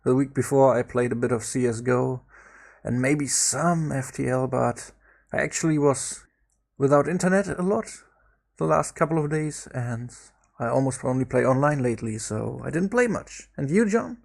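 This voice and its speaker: A man co-hosting a casual podcast chat, measured and teasing. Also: medium pitch, gravelly. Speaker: podcast co-host.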